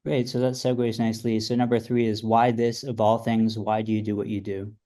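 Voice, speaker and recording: A man's voice: fairly low pitch, level tone, warm tone. Upbeat male podcast host. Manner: upbeat, brisk question-asking. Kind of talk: interview hosting.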